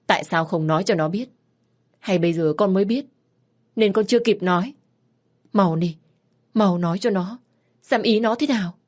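A woman voicing a frantic mother who scolds her pregnant teenage daughter with loud, rapid questions. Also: medium pitch, close to an everyday voice. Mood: scolding.

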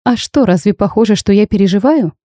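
A woman reading the lines of a bold, sharp-tongued young half-fairy bride in a storybook tale, lively and teasing in tone. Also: medium pitch, fairly quick, no room sound, clean studio sound, close to an everyday voice. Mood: spirited.

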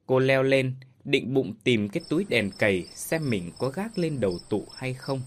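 A man narrates a ghost story, lending it drama. His pitch sits mid-range but moves widely, rising and falling through each sentence. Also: expressive, moderate pace, a little hiss or hum.

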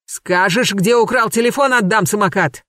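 A reader voicing Klavdiy, a tough, hot-tempered man who speaks in gruff, commanding bursts. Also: mid-range voice, normal speed, a bit bright, no echo, clean studio sound, voice pushed up, close to an everyday voice. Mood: stern. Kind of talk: audiobook character voice.

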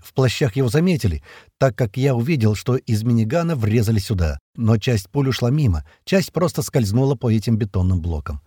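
Man, audiobook narrator, husky warm voice, lively swinging pitch, tense action storytelling. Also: dry recording, studio quality. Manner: vivid, tense storytelling that voices the soldiers' shouts. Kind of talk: first-person action audiobook reading.

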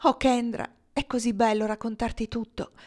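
A woman reading the lines of an eager, restless young man who talks fast and with youthful enthusiasm. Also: fairly high pitch, fairly even intonation, darkish tone, voice pushed up, close to an everyday voice. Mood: excited. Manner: hurried, enthusiastic.

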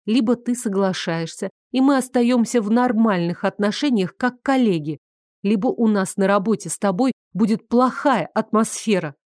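Curt cold young woman read by a female narrator, clipped, mid pitch, dry sound. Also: normal speed, darkish tone, dry recording, natural voice. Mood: firm. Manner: curt, through gritted teeth. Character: firm, cold young woman ending an affair.

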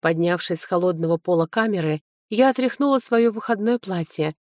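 A woman narrating a first-person novel as an audiobook in an earnest, steady storytelling voice. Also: lowish voice, fairly quick, dry recording, clean studio sound.

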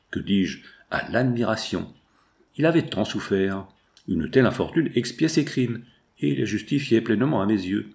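Low, gravelly male audiobook narrator. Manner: measured, expressive reading. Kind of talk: literary audiobook reading.

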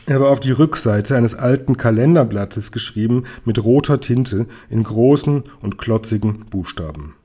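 Brief: male audiobook narrator for a children's story, mellow and lively. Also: mid-range voice, normal speed, few pauses. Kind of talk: scripted children's book narration.

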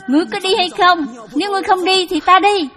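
A woman voicing a bitter, harsh older mother-in-law who scolds in shrill, cutting bursts. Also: expressive, quick pace, soft background music. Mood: furious.

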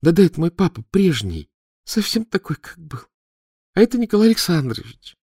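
A woman's voice: on the low side, very animated, fairly quick, dark tone, slightly rough, dry recording, studio quality, voice pushed up, exaggerated voice. A man voicing a young woman who is a tearful, overjoyed daughter. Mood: joyful. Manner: breathless, tearful.

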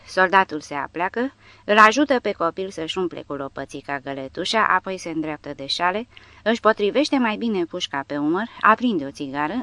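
A woman with a low, deep voice narrates an audiobook in a dramatic reading style. The sound is dry and close, with no room around it. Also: dry recording. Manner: reads dramatically, raising voice for shouted quotes.

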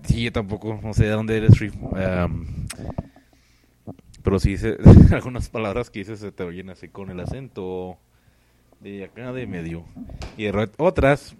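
A man's voice: lowish voice, unhurried, dark tone, a little hiss or hum. A man co-hosting a podcast in casual chat, joking and teasing his co-host.

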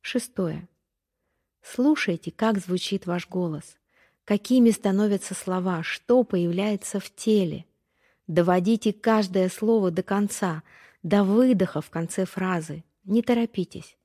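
A woman coach reads her own guidance text in a calm, gentle way. Her voice is mellow and warm, and she walks listeners through practice steps without hurrying. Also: mid-range voice. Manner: gentle, unhurried, instructive. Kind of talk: calm scripted narration with exercises.

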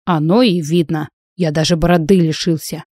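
A woman reading the part of a grumpy, bald male dwarf mage who grumbles and complains, in a low, mellow voice. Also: steady tone, normal speed, no room sound, studio quality. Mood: grumbling.

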